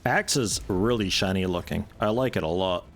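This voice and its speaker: A man streaming a video game, giving relaxed, wry commentary and swearing casually. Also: deep voice, normal speed. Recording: game music playing underneath.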